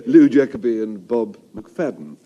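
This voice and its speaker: A man's voice: mid-range voice, expressive, a little slow, highs cut off. A man hosting a comedy radio show, presenting his script in a dry, wry manner. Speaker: host.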